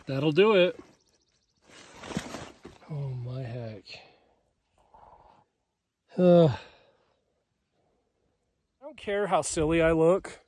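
Man, fairly high voice, wry, self-deprecating, casual outdoor vlog, camera mic. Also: lively intonation, very slow, long pauses, darkish tone. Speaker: fishing vlogger. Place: outdoors by a mountain lake.

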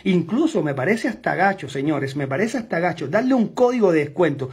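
A man's voice: sits high, animated, a little fast, breathy edge. A man coaching his sales team in an intense, emphatic, repetitive motivational talk. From outside Mexico.

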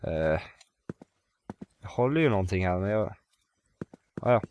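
A man's voice: low voice, animated, muffled recording, slight background noise. A man from Sweden commentating a horror game, nervous and jumpy, muttering to himself, repeating phrases and swearing when startled. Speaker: gamer playing a horror game. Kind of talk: let's play commentary.

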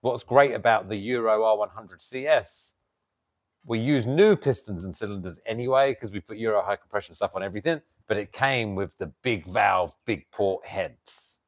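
An animated man in his thirties walks through a custom bike's parts in casual show-and-tell. He speaks outdoors beside a garage door, picked up on a clip-on mic. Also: fairly low pitch, moderate pace. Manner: animated, explains with hand gestures. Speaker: custom motorcycle builder. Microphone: lapel mic.

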